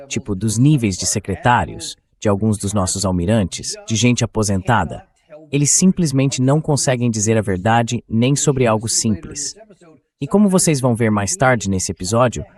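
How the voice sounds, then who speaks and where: This talk show host and political commentator has a Brazilian Portuguese accent and a lowish, slightly mellow voice. His take on the news is opinionated, blunt, sarcastic and colloquial.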